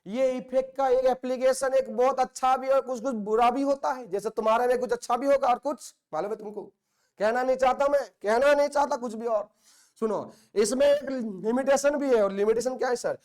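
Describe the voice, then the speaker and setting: In a classroom lecture, an Indian chemistry teacher with a voice pitched very high for a man playfully teases and scolds his students, drilling key phrases through constant repetition. His intonation is fairly even, his pace slightly fast, his tone a little mellow.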